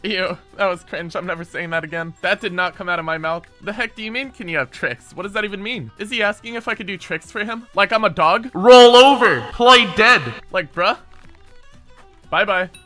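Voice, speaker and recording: A man giving excitable gameplay commentary as a gaming YouTuber, often yelling and laughing at the game. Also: high-pitched, fast, few pauses, soft background music.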